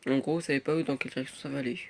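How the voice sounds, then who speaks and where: A man's voice: medium pitch, steady tone, racing, vocal fry. A teenage boy giving casual gameplay commentary, rambling with many fillers and muttering at the game. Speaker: gaming youtuber. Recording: noisy home recording.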